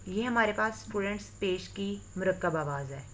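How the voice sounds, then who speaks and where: A woman teacher with a Pakistani Urdu accent gives a recorded online lesson, speaking straight to her students. She spells out letters and vowel sounds one by one at a slow, patient pace, in a voice of middling pitch. A faint noise sits under the recording. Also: animated. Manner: addresses students directly, patient explanatory tone. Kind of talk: recorded online lesson explaining Arabic reading.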